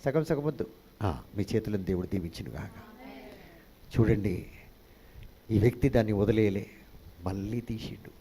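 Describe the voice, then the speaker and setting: A man's voice: medium pitch, mellow, slight background noise. A male pastor preaching a sermon, calling out to the congregation for responses and dropping in English phrases.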